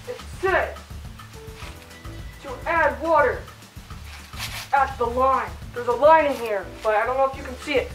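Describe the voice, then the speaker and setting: High-voiced woman hosting a jokey cooking vlog. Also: reverberant, poor audio. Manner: jokey, chatty, mock-instructional. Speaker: channel host cooking in fursuit. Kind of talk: playful cooking tutorial. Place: home kitchen.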